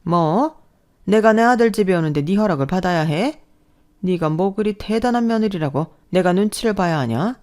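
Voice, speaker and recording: A woman's voice: fairly low pitch, animated, moderate pace, darkish tone, voice pushed up, lightly acted. A woman voicing a domineering, scornful older mother-in-law who scolds and belittles. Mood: scolding. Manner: scolding, contemptuous.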